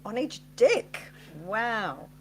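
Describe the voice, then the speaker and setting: A woman with a New Zealand accent co-hosting a casual live chat, chiming in with quick remarks. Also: a little high. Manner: chatty, joins in with quick remarks and opinions. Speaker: livestream co-host. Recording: steady background hum.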